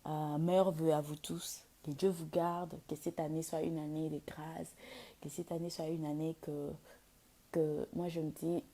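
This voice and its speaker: A woman in giving an informal devotional exhortation as a worship leader, speaking haltingly and slipping into English at times, with a husky, breathy voice. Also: deep voice, flat delivery, warm tone. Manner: hesitant French, slipping into English mid-talk. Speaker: worship leader inviting people to a praise event.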